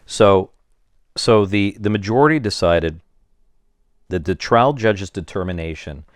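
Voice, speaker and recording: A man's voice: low-pitched, dry recording, clean studio sound. A man who is a criminal defence lawyer, reading out court rulings steadily in formal legal phrasing during a discussion.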